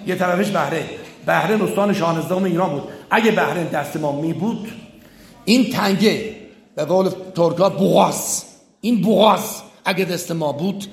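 A man's voice: fairly high pitch, reverberant. A man giving a political sermon, stressing his points by repeating phrases and acting out the people he quotes. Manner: acts out quoted speakers in animated bursts.

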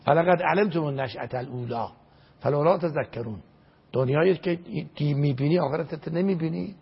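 Speaking as a religious scholar in an interview, an older Azerbaijani-speaking man delivers an emphatic lecture, reciting Arabic verses and repeating phrases to drive them home. His gravelly, very husky voice is on the high side, and the recording sounds dull and lo-fi.

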